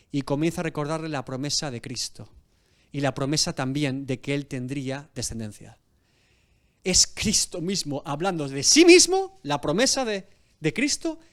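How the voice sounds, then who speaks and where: A man with a fairly high voice preaching an expository sermon. He tells the story with animation and acts out the scenes as he goes. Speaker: pastor.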